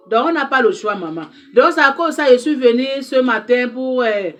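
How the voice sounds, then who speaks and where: Here a woman's fairly high, fairly bright voice delivers an emphatic, repetitive exhortation to her listeners. She is an advice counselor speaking directly to the camera with passion, in French, which is not her native language.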